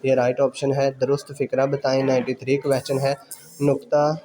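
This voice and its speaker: A man's voice: mid-range voice, completely flat delivery, mellow, a little hiss or hum. A man teaching exam preparation, reading out quiz questions and repeating each answer several times for students to note down, with English exam terms mixed in. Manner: mixes English exam terms into his speech.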